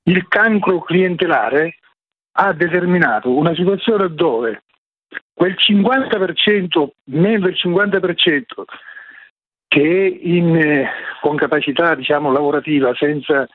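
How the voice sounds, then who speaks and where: Slow older man over the phone. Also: fairly high pitch, dry recording. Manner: blunt, insistent, repeats his point. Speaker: caller, retired postal worker. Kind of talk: call-in to a radio talk show. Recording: tinny phone line.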